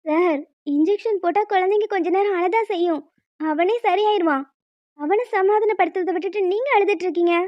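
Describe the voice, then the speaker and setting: A woman voicing a brisk, matter-of-fact young doctor in a cartoon, a little teasing. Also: very high voice, dry recording, lo-fi sound. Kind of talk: cartoon voice acting.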